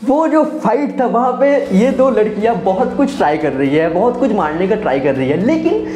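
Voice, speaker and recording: Speaking in a high, darkish voice with big pitch swings at normal speed, a young Indian YouTuber reviews anime in an easygoing, excited way, as if talking to friends. He doubles up on phrases to stress them. The room echoes, and faint background music runs underneath.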